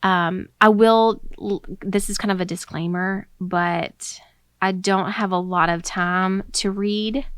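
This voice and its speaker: A woman's voice: medium pitch, steady tone, takes it slowly, a bit bright, smooth, dry recording. A young woman hosting a casual solo podcast, a little out of breath, rambling with lots of ums and restarts. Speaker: podcast host.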